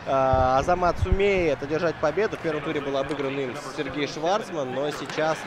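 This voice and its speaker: A man's voice: fairly high pitch, brisk. A man giving live esports hockey commentary in a conversational, analytical way, with frequent hesitations. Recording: noisy venue with crowd behind the voice. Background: crowd and venue noise.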